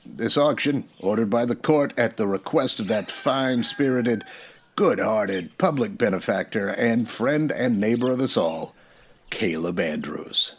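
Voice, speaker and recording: In a radio western, an American actor voices an Old West marshal who is steady and dryly defiant. His lowish male voice moves at a measured pace, folksy and laconic, only lightly acted.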